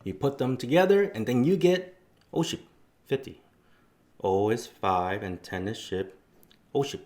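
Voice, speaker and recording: A man's voice: mid-range voice, lively intonation, brisk, a little mellow. A man teaching a casual spoken lesson, explaining step by step with loose fillers. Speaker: language teacher.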